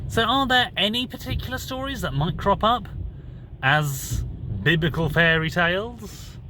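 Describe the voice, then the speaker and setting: A man with a high-pitched, expressive voice speaks a little slowly over a noisy background. As a solo commentator on the Bible and fairy tales, he muses informally and retells stories, thinking aloud and correcting himself.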